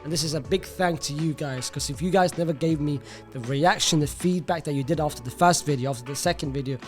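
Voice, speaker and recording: A man from Iraq talks casually to camera for his own channel. His voice sits fairly high, and his delivery is animated and slangy, with "bro" thrown in often and words doubled up for emphasis. Faint music plays underneath. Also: fast talker. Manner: restarts and repeats words for emphasis. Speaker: YouTuber.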